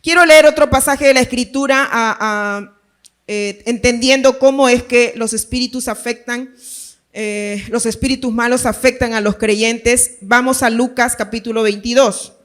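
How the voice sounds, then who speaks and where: A woman's voice: on the high side, fairly even intonation, unhurried. A middle-aged woman pastor preaching a sermon, telling stories with laughter and rhetorical questions.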